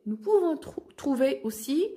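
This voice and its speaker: A woman teacher with a North African French accent, giving a slow phonics lesson for children and carefully spelling out each syllable. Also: high voice, big pitch swings, dark tone.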